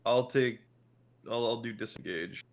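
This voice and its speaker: A man's voice: medium pitch, unhurried. Unsure guy mumbling through his turn, swears a lot. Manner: hesitant, muttering, swears. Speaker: player. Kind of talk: casual tabletop game chat.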